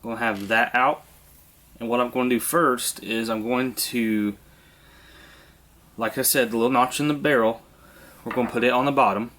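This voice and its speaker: A man hosting a hands-on airsoft how-to, congested from a sinus infection, talking through each step in a relaxed, casual way. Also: mid-range voice, moderate pace, long pauses. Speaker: airsoft video host.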